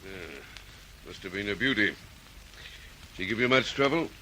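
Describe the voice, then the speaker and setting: On a vintage radio recording with poor audio and faint noise, a man with a lowish, bright, forceful voice plays a laconic, inquisitive senior detective in a 1940s radio drama. His intonation is lively and his speed normal as he muses aloud and asks probing questions.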